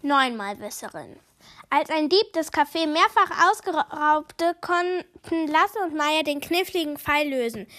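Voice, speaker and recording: High-voiced woman reading a storybook. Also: animated, measured pace, fairly bright tone. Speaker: audiobook narrator. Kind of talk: scripted storybook narration.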